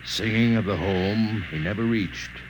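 Male narrator, vintage radio: low, unhurried, solemn, over a noisy old recording. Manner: solemn, measured.

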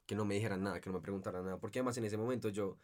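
A man's voice: fairly low pitch, racing, a little mellow. A young man, telling a personal story in rambling, hesitant casual chat.

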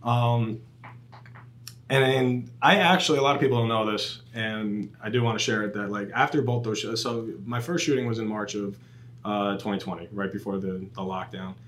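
Speaking at normal speed with a fairly low voice, this man in his late twenties appears as a police officer guest on a podcast. He's a casual, animated storyteller who acts out the quotes in his tales.

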